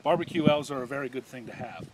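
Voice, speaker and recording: A man's voice: mid-range voice, fast talker. A man in his fifties demonstrating a product outdoors, with a chatty, joking salesman's patter. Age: 50s. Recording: audible outdoor background noise.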